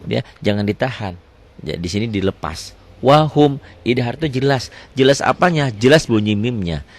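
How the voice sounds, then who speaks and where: In a tajwid lesson, a man quizzes his class with questions of his own and recites verse examples slowly, drawing them out. His voice sits in the mid range with lively intonation.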